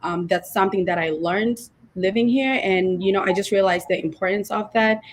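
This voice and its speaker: A woman's voice: medium pitch, fairly even intonation, brisk. A woman in her twenties from Zimbabwe, a guest on an interview, talking in a hesitant way full of fillers and restarts. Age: 20s. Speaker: guest entrepreneur. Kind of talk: casual interview talk.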